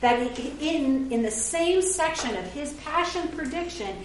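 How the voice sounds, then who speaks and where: Heard from some distance in a strongly echoing church sanctuary, a middle-aged woman pastor delivers an animated, earnest, conversational sermon at a slightly slow pace, occasionally correcting herself. Her voice is slightly high, and a faint hiss runs under it.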